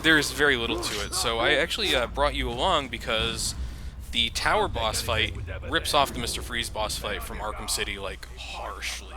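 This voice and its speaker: With a crowd audible behind him, a man in a mid-range voice talks at a moderate pace while playing a game. His let's play commentary is casual and relaxed, wandering along with frequent fillers.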